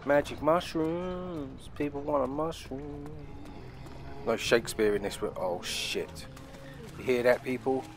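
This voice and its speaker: A man's voice: medium pitch, a little slow, faint music behind. A man with a British accent giving casual, slangy, sweary game commentary, addressing his viewers with joking threats. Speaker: gamer playing a horror game. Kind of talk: casual let's play commentary. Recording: faint game ambience behind voice. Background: horror game ambience.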